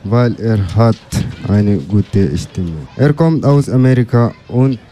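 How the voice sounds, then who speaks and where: A young man from Chad, a youth radio presenter who talks briefly about the songs in simple, unhurried phrases. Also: on the low side, animated, mellow. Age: young adult. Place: small radio studio at a festival.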